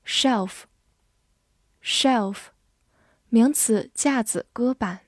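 A woman teaching English vocabulary, speaking with slow, careful enunciation and repeating words for drills. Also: a little high, a little mellow, dry recording, studio quality. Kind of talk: vocabulary lesson in Chinese.

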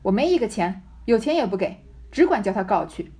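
A woman voicing a proud, sharp-tongued young noblewoman who complains bitterly in a storybook reading. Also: mid-range voice, sing-song, fairly quick, slightly rough. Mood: defiant. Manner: complaining, bitter self-pity.

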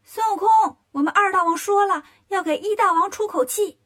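A woman voicing a small demon messenger who shouts his challenge, in a storybook reading. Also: moderate pace. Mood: shouting. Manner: shouting, shrill. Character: little demon messenger, shrill small monster.

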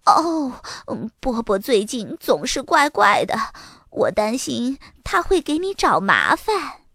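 A woman reading a storybook, voicing a kindly older neighbor lady who speaks gently. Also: sits high, huge pitch swings, takes it slowly, gravelly, no echo, full character voice.

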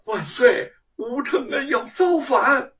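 A male storyteller voicing a haughty, vengeful imperial consort with a shrill, imperious voice. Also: big pitch swings, unhurried, distant mic, dull audio, a little hiss or hum. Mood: furious. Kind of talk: traditional storytelling.

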